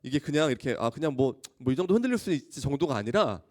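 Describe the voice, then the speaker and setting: A man preaching a sermon as a youth pastor to high school students, telling stories with lively exclamations and questions to the audience. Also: quick pace. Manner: animated storytelling, often asking the audience questions; acts out scenes with loud exclamations.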